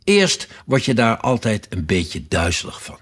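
A man reading a storybook aloud and voicing a scatterbrained, fussy queen who talks in a breezy, sing-song way and breaks into shrill cries. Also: very animated, measured pace, a bit bright, husky, heavily acted.

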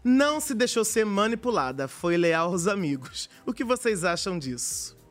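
High-voiced Brazilian man co-hosting. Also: big pitch swings, normal speed, fairly bright tone, soft background music. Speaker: talk show co-host. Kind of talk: casual lively chat.

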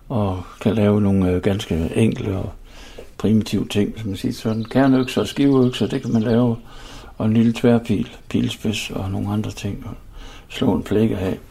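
Old guy in his sixties, gravelly husky voice, thinking out loud, lots of restarts. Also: on the low side. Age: 60s. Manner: reflective, rambling with restarts. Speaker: author and stone-age collector. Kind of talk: casual interview talk.

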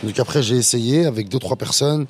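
A man's voice: mid-range voice, fairly quick, crowd noise. A man, a rapper, chatting loosely in an interview, with street slang and frequent restarts. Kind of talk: casual interview chat.

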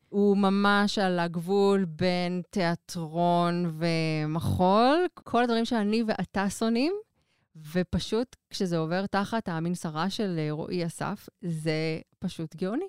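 A woman co-hosting a podcast, reviewing in casual chat, talking with many filler pauses. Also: lowish voice, a little mellow, clean tone, no room sound, clean studio sound. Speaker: podcast co-host, culture reviewer.

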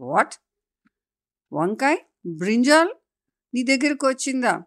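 Woman putting on a small girl, eager, curious, high-pitched, loud. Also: very animated, takes it slowly, exaggerated voice. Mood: excited. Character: excited five-year-old girl, curious and pleading. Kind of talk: children's storybook voice acting.

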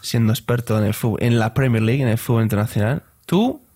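A man's voice: mid-range voice, animated, quick pace, mellow, breathy edge. Playful man mixing in English words. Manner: playful, drops English words into his speech. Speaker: podcast co-host. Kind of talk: casual football chat.

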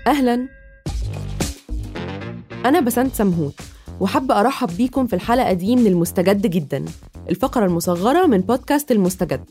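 A woman's voice: mid-range voice, lively intonation, fast talker, long pauses, mellow, faint music behind. A woman with an Egyptian Arabic accent, presenting and interviewing as a podcast host. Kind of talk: scripted podcast introduction and interview.

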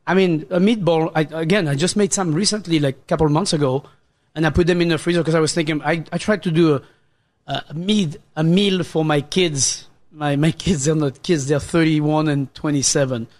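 A man's voice: on the high side, fairly quick. A man in his fifties with a French accent, a chef co-hosting a casual radio chat, explaining dishes step by step with many restarts. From France.

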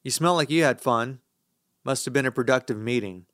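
Sharp-tongued tipsy wife, curt and scolding, slightly slurred, as a male narrator puts her on, dry sound. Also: medium pitch, a little fast, no echo, close to an everyday voice. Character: irritable tipsy wife, middle-aged woman.

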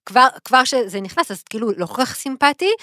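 Animated woman retelling a show. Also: on the high side, dry recording. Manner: excited rambling retelling, many fillers. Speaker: podcast co-host. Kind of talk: casual chat.

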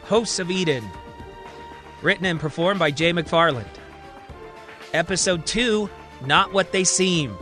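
A man's voice: high-pitched, measured pace, pauses often, sharp tone, faint music behind. A man narrating his own audio drama in a conversational, recapping storyteller manner. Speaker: writer and narrator.

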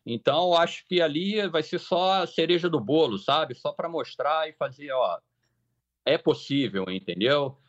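A runner answers interview questions casually, stumbling and repeating words as he goes. The recording sounds dull and lo-fi, with muffled highs. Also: moderate pace. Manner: relaxed, hesitant, repeats words. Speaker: ultramarathon runner.

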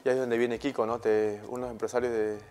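Guy with a peruvian accent chatting easy and slangy, middle pitch, bit of music in the back. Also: quick pace, clean tone. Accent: Peruvian Spanish. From Peru. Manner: relaxed, frequent tag questions, slangy. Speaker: guest, former footballer. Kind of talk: casual interview storytelling.

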